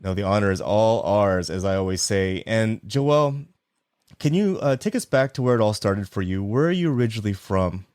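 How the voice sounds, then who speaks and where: Deep-voiced male podcast host, dry sound. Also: animated, moderate pace, a little mellow, dry recording. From United States. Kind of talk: podcast interview.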